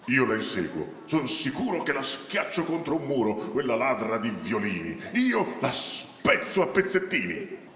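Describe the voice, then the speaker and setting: A man's voice: medium pitch, big pitch swings, a little slow, a bit bright, voice pushed up. A man voicing an angry young man who threatens and accuses a thief. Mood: vengeful. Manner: indignant, threatening. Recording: echoey hall, distant mic.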